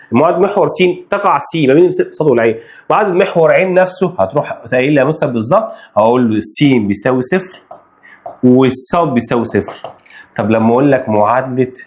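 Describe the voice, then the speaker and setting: A man with an Egyptian Arabic accent teaching a math lesson for exam prep, addressing students directly and repeating key points. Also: mid-range voice. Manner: animated, talks straight to students, repeats key phrases.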